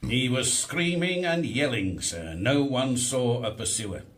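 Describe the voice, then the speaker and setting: An actor playing a grumpy, sarcastic middle-aged police sergeant in a radio drama, gruff and bossy. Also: male voice, mid-range voice, animated, a little slow, fairly bright tone.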